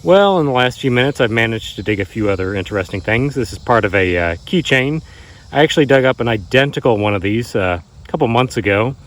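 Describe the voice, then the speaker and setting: Here's a mid-range, expressive male voice, moving fast as he narrates his metal-detecting vlog. The man, in his thirties, exclaims over each find and speaks directly to viewers, out in grassy woodland where insects and vehicles make the recording noisy.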